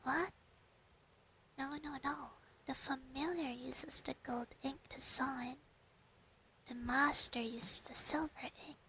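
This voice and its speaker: A woman voicing a clingy, proud female fox spirit familiar in an ASMR role-play, breathy and intimate on a close binaural microphone. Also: sits high, steady tone, takes it slowly, sharp tone, slight background noise, full character voice, rough recording. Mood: insistent, lecturing.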